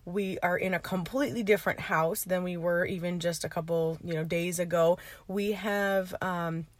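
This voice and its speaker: A podcast host and coach sits in her parked car and chats in a rambling, casual way, laughing frequently. Her lowish voice keeps fairly even intonation at a moderate pace, with no echo. She's using an informal setup without a computer.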